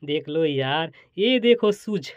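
This man hosts toy and gadget reviews, showing products hands-on in a casual, exclamatory, chatty way and often repeating himself mid-demo. His voice is a little high and animated, his pace slow, and there's no room sound at all.

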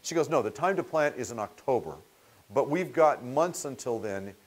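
A middle-aged man lectures a small group in a meeting room, picked up from a distance. His pitch rises and falls a great deal as he tells stories. He talks casually and sometimes breaks off a word to start it again. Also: normal speed. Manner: conversational, animated, restarts mid-word. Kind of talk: storytelling seminar lecture.

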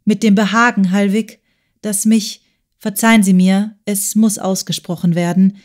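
A stern, principled middle-aged woman in an audiobook, voiced by a female narrator. She speaks with firm, earnest reproach. The pitch stays at an ordinary middle level for a woman. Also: little pitch movement, normal speed, darkish tone, natural voice. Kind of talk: audiobook character voice.

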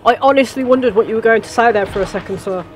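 A woman giving jokey, excitable let's play commentary, talking back to the game characters. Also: fairly high pitch, racing, faint music behind. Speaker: gaming channel host.

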